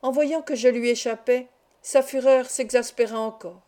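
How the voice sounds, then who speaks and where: A woman reading a novel aloud as an audiobook, calm and measured. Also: on the high side. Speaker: audiobook reader. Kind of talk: audiobook narration.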